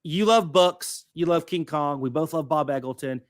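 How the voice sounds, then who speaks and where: A man's voice: on the high side, moderate pace, no echo, clean studio sound. A man co-hosting a podcast in casual chat, rambling with lots of fillers. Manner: rambling, enthusiastic, many fillers. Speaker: podcast co-host.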